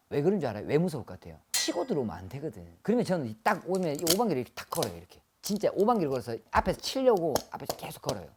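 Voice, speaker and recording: A young man speaks as a shaman, quick and emphatic, demonstrating what he describes. His voice swings widely in pitch, with a lot of movement in every phrase. He stays animated throughout. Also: a little hiss or hum. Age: young adult. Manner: emphatic, demonstrative, acts out examples. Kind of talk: animated explanatory talk.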